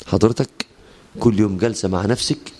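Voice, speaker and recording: A man with an Egyptian accent preaching a Quran study lesson, swinging from calm explanation to high, emotional pleading. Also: brisk, breathy edge. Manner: emotional, rising to high impassioned pleas.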